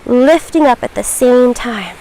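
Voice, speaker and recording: High-voiced woman leading yoga. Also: lively intonation, mellow, a little hiss or hum, rough recording. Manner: encouraging, reassuring, measured cueing. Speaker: yoga instructor. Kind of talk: guided yoga class instruction.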